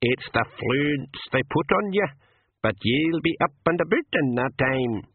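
A wily old pixie with a cracked, husky Scottish brogue, put on by a man. The pitch rolls up and down slyly. It sounds squeezed through a narrow, phone-like band. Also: expressive, measured pace, no room sound, heavily acted. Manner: sly, hearty brogue. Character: old wizened male pixie, wily leader.

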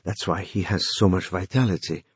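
A man's voice: low-pitched, fairly quick, husky, dry recording. A man voicing a stilted, formal mortuary owner who explains things in a placating manner. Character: stilted male mortuary owner, smooth, bureaucratic.

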